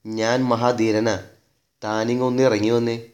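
A man's voice: medium pitch, level tone, measured pace, a little mellow, lightly acted. A man voicing a cheeky, boastful village man who teases and coaxes in a spoken story. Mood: teasing.

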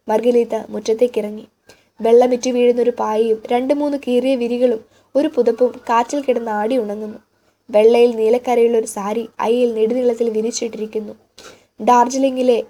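A woman reading a literary novel aloud as an audiobook narrator, with measured, expressive storytelling. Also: a little high.

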